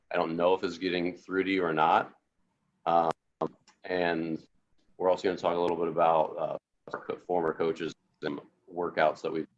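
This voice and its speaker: A man's voice: deep voice, dull audio. A man co-hosting a casual sports podcast over an internet call whose audio keeps cutting out. He talks loosely and restarts his sentences often. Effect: choppy internet call audio that keeps dropping out. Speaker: podcast co-host. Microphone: remote internet call.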